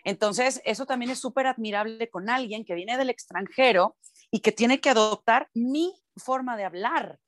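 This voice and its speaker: A Mexican woman with a Mexican Spanish accent, talking earnestly in an interview. Her voice sits fairly high, and she speaks with warm emphasis. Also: moderate pace. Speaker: voice actor. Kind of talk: conversational interview.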